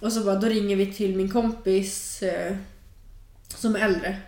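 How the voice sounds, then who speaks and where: A young adult woman telling a personal story in casual chat, animated and full of fillers. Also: mid-range voice. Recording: roomy echo.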